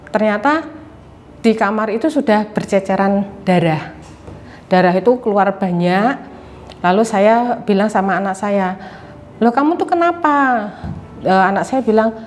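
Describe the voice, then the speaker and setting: A woman's voice: medium pitch, a little mellow, slight background noise. Hesitant woman giving church testimony. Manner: hesitant, halting storytelling with many fillers. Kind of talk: personal testimony. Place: church service.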